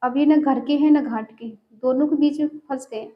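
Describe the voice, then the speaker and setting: A woman's voice: high voice, fairly even intonation, normal speed, lo-fi sound. A woman giving a collective tarot love reading in an earnest, repetitive way, often checking in with the listener. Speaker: tarot reader.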